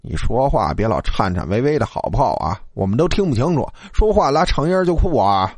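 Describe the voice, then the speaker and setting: A man's voice: mid-range voice, big pitch swings, a little fast, darkish tone, no room sound, studio quality. Man doing a cheeky, blunt student. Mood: grumbling.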